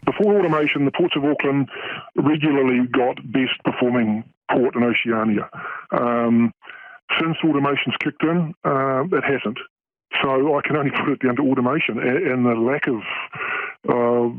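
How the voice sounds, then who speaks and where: A middle-aged man, a port worker in a radio news interview, his voice disguised to hide his identity, speaking haltingly with many fillers and restarts. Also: medium pitch, dry recording. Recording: tinny phone-like line.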